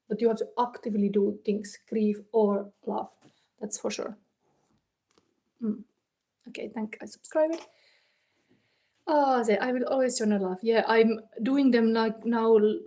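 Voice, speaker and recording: On a phone in a warm indoor room, a woman from Finland does a relaxed tarot reading for her live-stream audience. She thinks out loud in hesitant, non-native English with a Finnish accent, and her medium-pitched voice has a warm tone.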